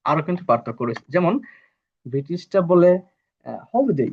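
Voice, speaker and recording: A man's voice: on the high side, sing-song, moderate pace, breathy edge, dull audio. A man teaching English grammar basics in a patient, repetitive way, from Bangladesh. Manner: patient, repeats terms to drill students. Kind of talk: explaining a live online lesson.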